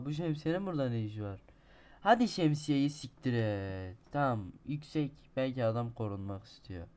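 A young man commenting on his own gameplay, talking to himself, boasting and cursing, with sudden shouting outbursts. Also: on the high side, clear, resonant tone. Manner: swearing, shouting outbursts at the game; self-talk, boastful then exasperated. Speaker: gaming streamer. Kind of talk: let's-play commentary.

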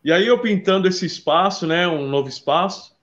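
Lively man telling stories, slightly high voice. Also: normal speed. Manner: lively storyteller, calls listener "brother". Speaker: interview guest, visual artist. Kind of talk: casual interview storytelling. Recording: dull lo-fi sound.

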